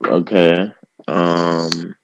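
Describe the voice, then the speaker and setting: A man's voice: low voice, level tone, very slow, slight background noise. A young man co-hosting a casual sports podcast, giving short blunt replies and teasing his partner. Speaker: podcast co-host.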